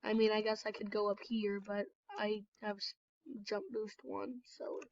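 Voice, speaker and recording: Nasal and congested from a cold, a woman rambles through commentary on her own gameplay for a video, chatty and apologetic. Her mid-range voice is flat and measured, recorded dry with no room sound, the audio dull and lo-fi.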